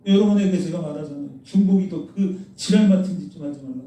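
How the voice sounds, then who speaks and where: Preaching at a quick pace, this pastor has a slightly high voice with a dark tone. His sermon is blunt and reproachful, full of rhetorical questions aimed at the congregation. The sound comes from a distant mic in an echoey church sanctuary.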